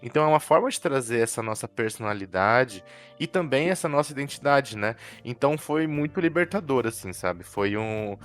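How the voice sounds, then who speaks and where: A man chatting as a podcast co-host. His tone is easygoing and conversational, and he often tags his sentences with a quick question. Faint music plays softly under his voice. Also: mid-range voice. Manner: relaxed, conversational, tag questions.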